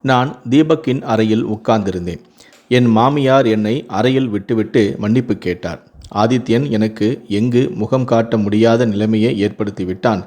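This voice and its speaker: A man reading a first-person storybook tale in a steady, even narrating voice. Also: lowish voice, moderate pace.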